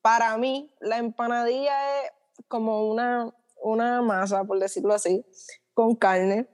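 A woman's voice: fairly high pitch, fairly even intonation, a little slow, darkish tone. A young woman from Puerto Rico with a Puerto Rican accent, explaining things plainly in a casual podcast chat. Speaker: student athlete podcast guest.

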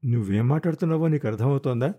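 A man voicing an exasperated, worn-out husband who snaps back in sharp, defensive retorts in an audiobook. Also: medium pitch, very fast, lo-fi sound, natural voice. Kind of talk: audiobook character voice.

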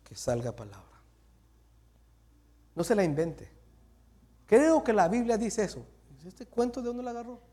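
A man preaching as pastor, swinging from loud exhortation to hushed, near-whispered asides and slipping English phrases into his talk. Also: sits high, very animated, a little slow, pauses often. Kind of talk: sermon.

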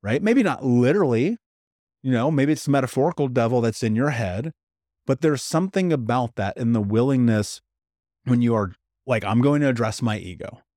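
A man's voice: mid-range voice, expressive, moderate pace, darkish tone, no room sound, clean studio sound. A man in casual podcast conversation, talking candidly and with emphasis, dropping slang like dude and bro.

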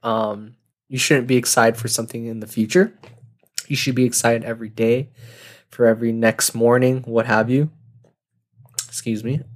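A young man in his twenties talks through a relaxed solo podcast episode. His voice sits at a middle pitch, and he rambles and doubles back on himself. He often laughs at his own jokes. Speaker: podcast host. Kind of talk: casual solo monologue.

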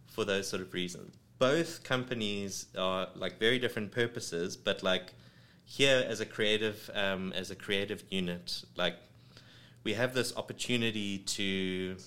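In a casual interview, a South African guest who runs a creative studio rambles along, restarting often and filling gaps with ums. His voice is lowish and a bit bright, captured by a studio microphone in a home studio.

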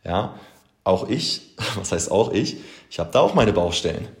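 Low-voiced guy coaching his podcast listeners, earnest and emphatic, roomy echo. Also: sing-song, a little slow, gravelly. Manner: earnest, emphatic, addresses listener directly, mixes in English phrases. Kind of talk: motivational podcast talk.

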